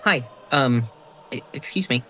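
A man's voice: medium pitch, expressive, a little slow, pushed and bright, slightly rough, muffled recording, heavily acted. A man voicing a timid, overwhelmed young girl who stammers nervously in a tabletop game.

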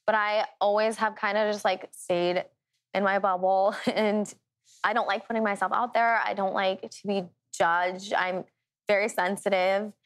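Animated woman with heavy Dakota accent. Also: mid-range voice, measured pace. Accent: North or South Dakota. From Dakotas, United States. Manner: animated, chatty, heavy use of "like". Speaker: reality show cast member, guest. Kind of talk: candid casual interview.

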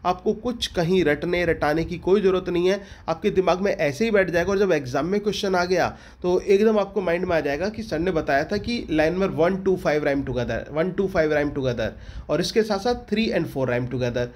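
Male tutor with Indian English accent, high-pitched voice, exam-prep lecture, quizzes and answers himself, stretches out English terms. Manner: repeats questions to students and answers them, slowing for English terms. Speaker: English literature teacher.

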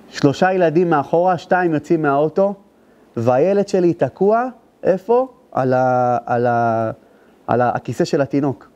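A rabbi giving an emotional storytelling sermon to a live audience, speaking to the listeners directly and rising into intense high cries at the story's climaxes. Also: male voice, mellow, dull audio. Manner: addresses the audience directly, urging them to listen. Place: live lecture before an audience.

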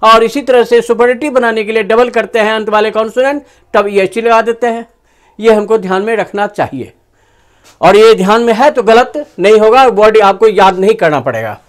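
A grammar teacher giving a lesson in Hindi. The teacher explains rules slowly and stretches words out while writing. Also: mid-range voice. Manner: slow, drawn-out dictation while writing. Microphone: phone on a tripod with a clip-on mic.

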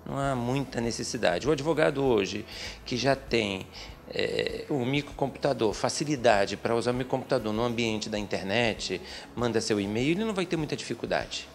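A middle-aged man, a lawyer, answering interview questions in a small office, speaking in a measured, methodical way with frequent hesitant fillers. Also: medium pitch, animated, gravelly, slight background noise. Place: small office with bookshelves, indoors. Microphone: handheld interview mic.

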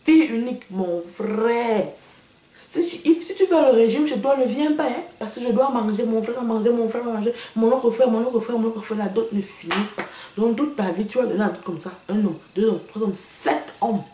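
A woman's voice: fairly high pitch, moderate pace, warm tone. A woman delivering a sassy, mocking comic rant to the camera, slipping into English and slang. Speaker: comedian vlogger. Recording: echoey room, a bit far from the mic.

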